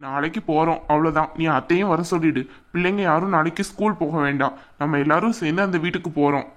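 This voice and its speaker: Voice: medium pitch, fast, close to an everyday voice. An actor voicing a stubborn young husband in a family drama skit, insistent and dismissive. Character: stubborn young husband set on buying land.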